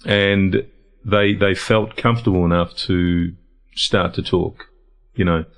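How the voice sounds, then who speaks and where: A middle-aged man from Lebanon who grew up in Australia appears as a guest in a casual interview; he founded a men's health organisation. His deep voice moves slowly with fairly even intonation. He speaks reflectively, often restarting or repeating words while gathering his thoughts.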